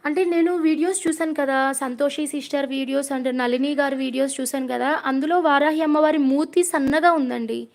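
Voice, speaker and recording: High, gravelly woman chatting live. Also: steady tone, brisk, a little mellow. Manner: chatty, storytelling, reads out viewer comments. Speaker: devotional livestream host. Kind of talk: casual live chat with viewers. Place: home prayer room.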